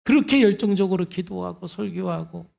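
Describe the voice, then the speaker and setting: Male pastor, fairly high gravelly voice, earnest conversational sermon delivery. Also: a little fast, a little mellow. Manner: earnest, explanatory, conversational preaching. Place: church service.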